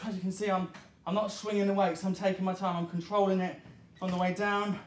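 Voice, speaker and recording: A man's voice: sits high, little pitch movement, fairly quick. A man, out of breath as he coaches a workout while exercising, giving short motivational cues. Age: 30s. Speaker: fitness coach. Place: indoor gym studio with hard floor. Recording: echoey room, audible background noise.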